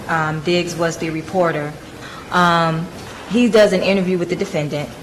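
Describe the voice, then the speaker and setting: A woman's voice: fairly low pitch, slight background noise, rough recording. A woman arguing a motion as prosecutor in court, speaking carefully and hesitantly with frequent ums. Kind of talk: courtroom argument.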